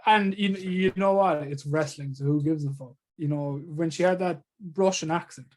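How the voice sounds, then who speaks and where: A man's voice: a little high, normal speed. A man, co-hosting a podcast, talking bluntly and repeating himself for emphasis. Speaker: podcast co-host. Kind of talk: casual chat.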